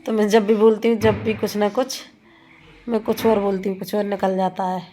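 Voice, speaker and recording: A woman in her thirties with a sore throat chats casually through a home vlog, rambling and often correcting herself as she does chores in her kitchen and on the rooftop. Her mid-range voice is mellow and level, at a moderate pace, with a little hiss or hum in the audio.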